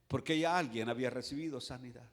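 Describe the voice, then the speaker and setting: A male pastor preaching a sermon in a church, animated, swinging from hushed lines to shouts, with humorous asides. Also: medium pitch, quick pace, slight background noise. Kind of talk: Spanish-language sermon. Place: church sanctuary. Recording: reverberant church hall.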